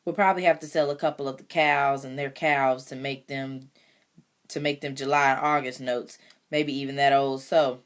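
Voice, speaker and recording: A woman's voice: extremely low pitch, steady tone, moderate pace. A woman reading aloud voices a proud, injured farmer father who talks bluntly and firmly. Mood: grave. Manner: blunt, firm.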